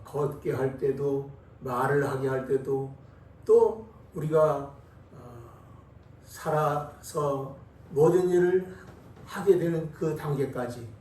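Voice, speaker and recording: A man in his eighties, a pastor, giving a sermon at an unhurried, conversational pace with pauses and fillers, recorded in a church sanctuary from a distant microphone. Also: fairly high pitch, dark tone, a little hiss or hum. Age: 80s. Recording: echoey hall from far off.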